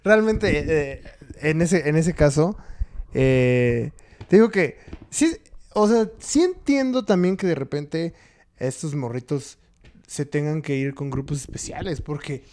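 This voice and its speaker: A man's voice: on the high side, expressive, a little slow, a little mellow. A man with a Mexican accent, co-hosting a podcast in casual chat, thinking aloud in slangy talk with some swearing. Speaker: podcast co-host.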